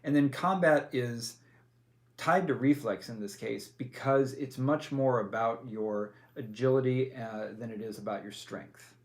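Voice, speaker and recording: This man's medium-pitched voice is unhurried as he acts as game master, explaining the game rules step by step while guiding a player through character creation. He stays patient, frequently using fillers and correcting himself.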